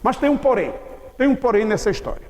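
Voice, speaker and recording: A man teaching a grammar lesson, explaining slowly and often checking whether his students have understood. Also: extremely high pitch, sing-song, a little mellow, long reverb tail. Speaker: Portuguese teacher. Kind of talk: classroom lecture.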